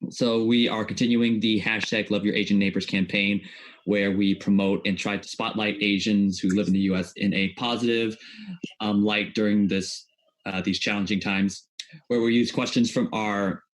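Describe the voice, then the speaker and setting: A man born in Vietnam hosting a podcast in a relaxed, chatty way with many fillers. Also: lowish voice, moderate pace. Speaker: guest podcast host.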